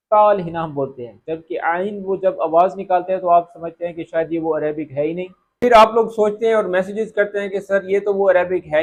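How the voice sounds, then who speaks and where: A man teaching spoken Arabic phrases, saying each phrase slowly and more than once before explaining it. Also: high-pitched. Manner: repeats phrases slowly and drawn out, then explains. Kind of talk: spoken language lesson.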